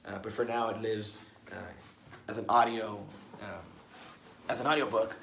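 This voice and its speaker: A man's voice: lowish voice, fairly even intonation, normal speed, fairly bright tone, a little hiss or hum. A young man talking casually in a one-take video blog, rambling and restarting his words often. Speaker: musician vlogger. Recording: roomy with faint ambience.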